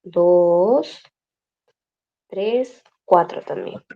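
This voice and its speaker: A woman's voice: fairly low pitch, very slow, vocal fry, highs cut off. A woman teaching a language class over a video call, explaining patiently step by step and checking in with her students often.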